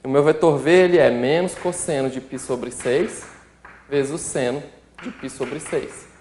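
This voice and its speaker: A math instructor with a Brazilian Portuguese accent teaches calculus step by step, working through sums as he writes them out and checking in with the listener often. His medium-pitched, darkish voice moves at a measured pace, with roomy echo and a little hiss or hum.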